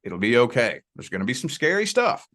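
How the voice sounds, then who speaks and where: A guest on a video call reads tarot and talks spirituality in a folksy, comforting way, leaning on drawn-out emphasis. He's a man from Southern Indiana near Louisville, Kentucky, with a Southern accent typical of that border area. His medium-pitched voice has a sing-song lilt and a slightly bright tone.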